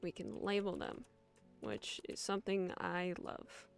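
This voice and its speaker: Woman streamer with soft music behind. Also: on the low side, very animated, a little slow, vocal fry. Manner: reads game text aloud, dry wry asides. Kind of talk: casual game commentary.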